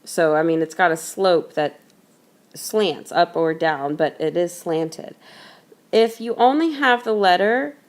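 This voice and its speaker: A woman math tutor talking through a recorded lesson, patient and methodical, repeating the key points slowly so they can be written down. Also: lowish voice.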